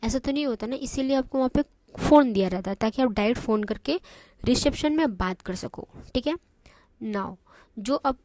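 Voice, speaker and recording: A woman with a slightly high voice gives a spoken English lesson. She speaks slowly and deliberately, drawing out each English phrase word by word before translating it. The sound is close and dry, with no room around it. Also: darkish tone, no room sound. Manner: repeats and translates each phrase, checking in with "theek hai". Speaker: English teacher.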